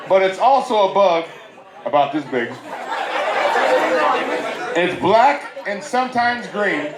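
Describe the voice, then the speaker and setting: A Southern California man with a high voice and wide pitch swings performs stand-up at a private party, slowly spinning loose stories with playful asides to the crowd. It's an echoey bootleg recording, with a loud audience and noise throughout.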